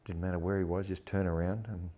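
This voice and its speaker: A man's voice: low-pitched, fairly even intonation, fast, dark tone. An older man with a broad Australian accent, reminiscing casually and bluntly in an interview, with salty colloquial turns of phrase. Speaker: actor interviewee.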